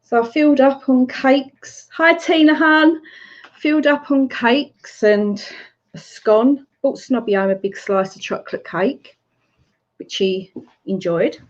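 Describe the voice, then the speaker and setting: A woman's voice: high voice, slow. Chatty Essex woman on a livestream. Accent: Essex English. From Essex, England. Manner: chatty, greets viewers by name, laughs often. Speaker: livestream host. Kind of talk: casual livestream chat. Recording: slightly muffled lo-fi stream audio.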